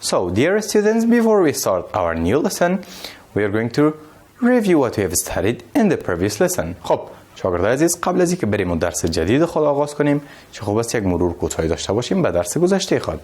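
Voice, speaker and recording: Lively man teaching English. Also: medium pitch. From Afghanistan. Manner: slow, drawn-out delivery with Dari explanations. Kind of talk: bilingual classroom lesson.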